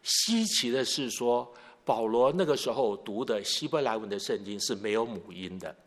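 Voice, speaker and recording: Male pastor, teaching-style sermon, asks the room questions; reverberant hall sound. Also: mid-range voice. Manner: expository, poses rhetorical questions.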